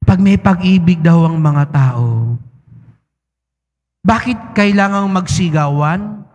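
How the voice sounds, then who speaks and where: A priest gives a Sunday homily in a large church, and the long church reverb is clearly audible. His voice sits high and is a bit bright. He speaks conversationally, with teasing asides and frequent tag questions.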